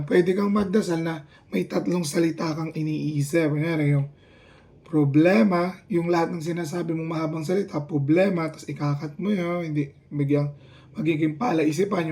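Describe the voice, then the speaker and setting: A man talking casually to the camera in a rambling, halting way, often restarting his sentences. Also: fairly high pitch, a little mellow. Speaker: vlogger.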